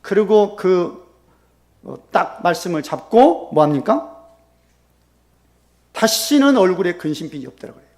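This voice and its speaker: Gravelly, lively Korean pastor preaching. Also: male voice, high voice, measured pace, long pauses. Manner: animated preaching, acting out quoted prayers with sudden loud bursts and soft drops. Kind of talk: sermon.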